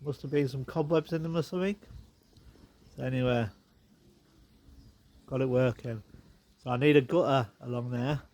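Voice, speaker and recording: A man's voice: medium pitch, moderate pace, long pauses. A man with a stuffed-up, nasal voice, chatting casually as he walks around his garden, filming on a handheld phone. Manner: chatty, rambling, relaxed asides. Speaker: garden vlogger. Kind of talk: casual walk-and-talk. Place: outdoor garden.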